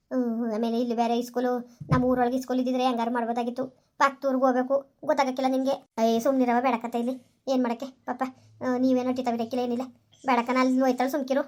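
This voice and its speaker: Woman as village mother: high, rapid, scolding and tender, hobby drama. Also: level tone, natural voice. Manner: fast, scolding, emotional.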